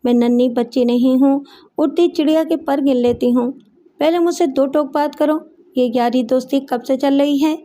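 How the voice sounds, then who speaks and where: A woman voicing a suspicious, sharp-tongued middle-aged mother who scolds and threatens in an audiobook story. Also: high voice, normal speed, close to an everyday voice. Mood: scolding. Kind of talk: audiobook character voice.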